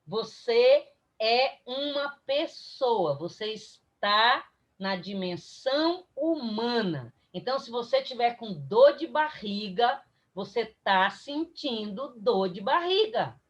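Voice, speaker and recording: A woman's voice: on the high side, expressive, takes it slowly, highs cut off. A woman with a Brazilian accent giving a spiritist lecture online, incisive and direct with her listeners. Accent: Brazilian Portuguese. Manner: emphatic, direct, addresses audience.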